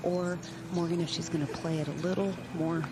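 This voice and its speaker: A woman's voice: lowish voice, steady tone, normal speed. A woman working as a golf commentator, giving explanatory live analysis of play. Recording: clear background noise, outdoor ambience. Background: outdoor ambience noise.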